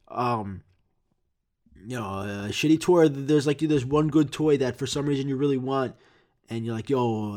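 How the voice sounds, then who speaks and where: A man's voice: a little high, darkish tone. A man hosting a podcast, telling childhood stories in a rambling, profane, self-interrupting way. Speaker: podcast host. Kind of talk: casual comedic monologue.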